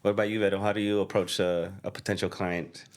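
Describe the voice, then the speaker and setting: A man hosts a relaxed interview with a lowish voice. His questions wander with fillers and restarts, curious and informal. He keeps the talk light and conversational. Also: fast talker. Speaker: podcast host. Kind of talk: casual interview chat.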